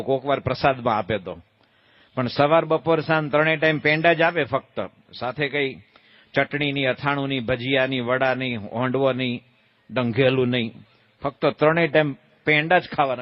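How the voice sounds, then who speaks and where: A man giving a humorous sermon as a monk, telling a folksy story and acting out shouted calls and quoted voices. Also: mid-range voice, normal speed, dry recording, highs cut off. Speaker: monk giving a religious discourse.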